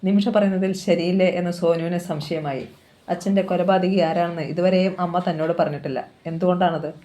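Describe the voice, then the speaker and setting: A reader narrating a novel aloud at a steady, measured pace. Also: medium pitch.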